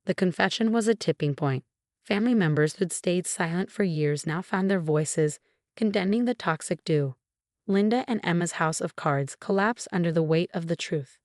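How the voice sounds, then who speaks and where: Female story narrator, measured scripted read, low pitch, dry close sound. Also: darkish tone, dry recording.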